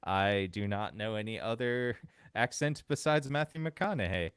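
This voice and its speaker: A man hosting a podcast, telling a story in relaxed casual chat and laughing often. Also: on the low side, moderate pace, clean tone, no room sound, studio quality. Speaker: podcast host.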